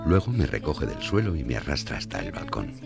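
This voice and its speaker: Super deep gravelly shirt voice, slow and ominous, swings up and down a lot. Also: male voice, sing-song, loud music behind the voice, exaggerated voice. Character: shirt hung out to dry, male, brooding. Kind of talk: dramatized story reading.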